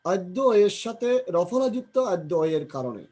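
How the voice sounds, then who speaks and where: A man teaching a grammar lesson, slowly drilling pronunciation, repeating example words and asking and answering his own questions. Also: high voice, big pitch swings, warm tone, breathy edge.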